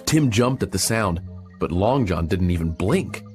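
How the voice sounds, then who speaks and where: Expressive male storybook narrator. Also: low-pitched, unhurried, faint music behind. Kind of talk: storybook reading.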